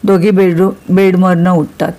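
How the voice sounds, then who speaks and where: A woman's voice: on the low side, little pitch movement, normal speed, dark tone. A woman narrating a story about two friends in a chatty, plain way.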